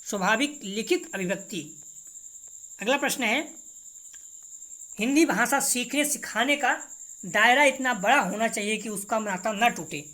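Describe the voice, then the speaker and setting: A woman's voice: fairly high pitch, fairly bright tone. Woman teacher reading exam answers. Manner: reads multiple-choice options, then repeats the answer; informal, addresses students directly.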